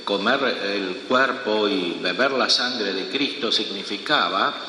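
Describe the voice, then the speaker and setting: Spanish priest, measured and unhurried homily, cathedral echo, faint hum under it. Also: male voice, lowish voice, sharp tone. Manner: slow, measured delivery with long pauses. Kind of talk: reading the Gospel and preaching a homily. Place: large church. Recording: long echoing church reverb, faint room hum.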